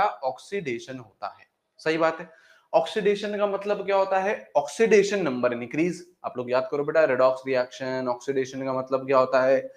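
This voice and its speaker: A man with a slightly high voice teaches a chemistry class. He banters with his students, keeps asking them questions, and repeats each point again and again. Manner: bantering, repetitive, calls students "beta", asks and answers own questions. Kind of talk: live online class lecture.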